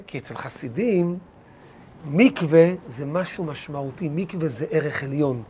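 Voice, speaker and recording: A man, a rabbi, teaching a lesson through animated anecdotes, with hesitant fillers. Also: a little high, slightly rough. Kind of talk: storytelling lesson.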